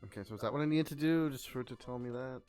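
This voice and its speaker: A man's voice: medium pitch, rapid-fire, darkish tone, faint music behind. A man playing a video game while chatting with a friend, distracted and muttering as he plays. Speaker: player of the game. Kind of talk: casual let's-play banter.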